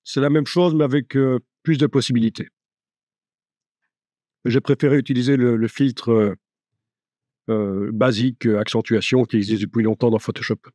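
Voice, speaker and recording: Male software instructor, casual and jokey, thinks out loud, mid-range voice, dry close sound. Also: mid-range voice, steady tone, normal speed, pauses often, no echo. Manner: chatty, jokey, thinks aloud. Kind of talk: live software tutorial.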